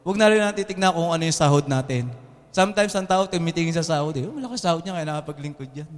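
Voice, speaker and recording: Young Filipino pastor, male, preaches in a high, bright voice, trading jokes and "Amen?" with his flock; recorded in a reverberant church hall. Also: quick pace. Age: young adult. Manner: lively, joking, often asks the congregation "Amen?". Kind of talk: sermon. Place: church hall with air conditioning.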